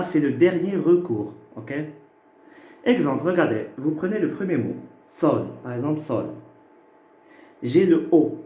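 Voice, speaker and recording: With a mellow voice on the high side, a man patiently teaches phonetics, speaking slowly and asking "ok?" and "d'accord?" to make sure everyone follows. The room he's in is echoey.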